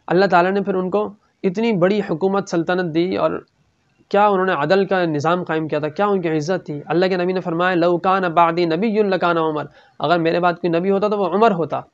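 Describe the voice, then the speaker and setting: A man giving a religious lecture, telling stories and reciting scripture, sometimes dropping to a hush for quoted voices. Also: high voice, fairly even intonation, highs cut off. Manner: storytelling, acts out quoted voices, drops to hushed tones. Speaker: Islamic speaker.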